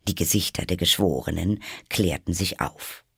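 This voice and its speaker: A man reading a storybook aloud in an expressive, measured way. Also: deep voice, creaky, husky, dry recording, clean studio sound. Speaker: narrator.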